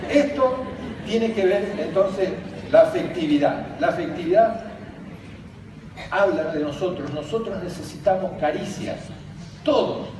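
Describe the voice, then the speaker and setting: A man's voice: high-pitched, unhurried, crowd noise. An older man with an Argentine Spanish accent gives a conference talk. He tells funny stories and laughs as he speaks. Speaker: speaker on emotional education, former teacher. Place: large conference hall. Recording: very echoey hall, distant, background noise.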